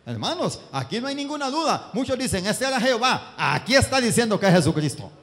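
Male preacher, impassioned sermon delivery, highly animated pitch, long hall reverb. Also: fast. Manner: impassioned, swings between booming and hushed.

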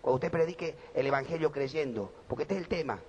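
A man preaches a sermon in a gravelly, worn voice, swinging between quiet talk and fervent shouting. His voice is a little high and fast, and the sound is lo-fi.

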